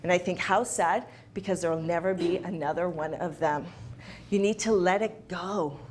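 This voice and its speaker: A woman's voice: lowish voice, normal speed, a little hiss or hum. A woman giving a motivational talk to a live audience, emphatic and repeating key phrases for effect. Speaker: motivational speaker. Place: event hall.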